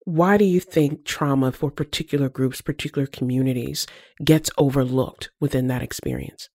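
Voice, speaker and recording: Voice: mid-range voice, fairly even intonation, moderate pace, a little mellow, no room sound, studio quality. A podcast host asking long, reflective questions that build on the guest's points. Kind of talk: interview questions.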